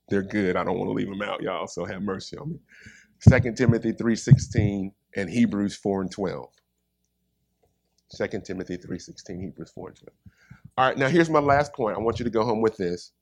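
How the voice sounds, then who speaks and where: A man's voice: fairly low pitch, moderate pace, gravelly, a little mellow. A man preaching a sermon, repeating his points and calling out to the congregation.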